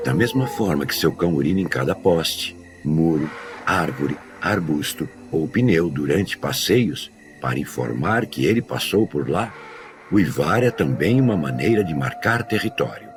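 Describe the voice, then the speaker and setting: A man working as a dog trainer, giving a measured, scripted educational narration. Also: extremely low pitch, lively intonation, music in the background. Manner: measured, explanatory delivery.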